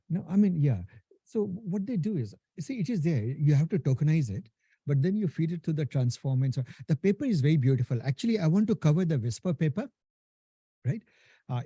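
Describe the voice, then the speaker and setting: Here an instructor with a thick Indian accent, from India and Nepal, delivers a relaxed live technical lecture to his class. His voice sits on the high side, mellow with a breathy edge, and there's no room sound. He addresses everyone as "guys," tags lines with "right?", and frequently starts sentences over.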